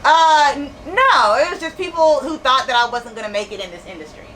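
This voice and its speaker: A woman in her thirties who owns a store speaks as a guest in a casual interview, her high voice animated and fairly quick. She talks candidly, repeats phrases often, and laughs easily, though the recording is rough.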